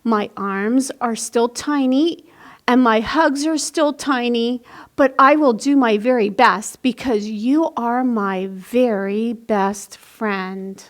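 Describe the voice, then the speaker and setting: A woman's voice: fairly high pitch, slow. A woman voicing a tiny, innocent young dinosaur who speaks in simple, solemn declarations, in a children's picture book read-aloud. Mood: tender, devoted.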